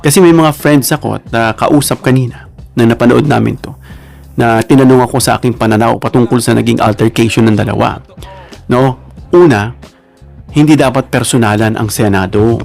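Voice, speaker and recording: A man's voice: mid-range voice, normal speed, gravelly, a little mellow, soft background music. A man with a Filipino accent giving casual political commentary, chatty, with constant tag questions and asides to his viewers.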